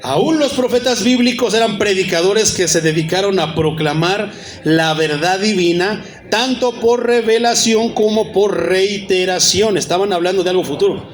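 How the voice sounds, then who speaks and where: A man's voice: sits high, moderate pace, soft background music. A man preaching a sermon, calling his listeners brother and reciting Bible references. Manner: addresses listeners as brother, cites many Bible verses. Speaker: pastor.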